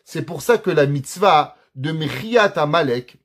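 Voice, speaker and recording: A man's voice: on the high side, expressive, a little slow. A man, a rabbi, giving a Torah lesson and weaving Hebrew quotations into his teaching, often asking questions and answering them himself. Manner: mixes Hebrew quotes into his explanation.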